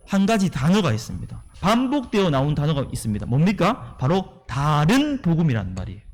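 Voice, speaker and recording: A male pastor preaching a sermon, emphatic and full of rhetorical questions to the congregation, sounding tired and worn out from preaching often. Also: sits high. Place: church sanctuary.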